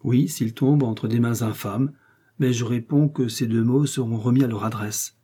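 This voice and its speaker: A man's voice: mid-range voice, fairly even intonation, moderate pace, warm tone, husky, close to an everyday voice. A man reading a devoted young maid, earnest. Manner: earnest, reassuring. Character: loyal young woman servant, devoted. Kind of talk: audiobook character reading.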